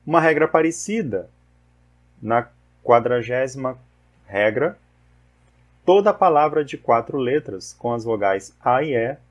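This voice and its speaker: A man talks through pronunciation rules at a slow, unhurried pace. His voice sits in a middle register, and he patiently repeats each list of words like a methodical teacher. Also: mid-range voice, animated. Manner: patient, repeats word lists deliberately.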